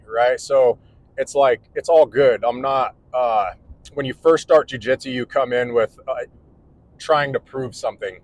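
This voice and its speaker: This is a casual vlog monologue recorded indoors at home by a male electrical contractor in his forties. He has a mid-range voice and comes across as earnest and rambling, with many restarts. The recording is low quality.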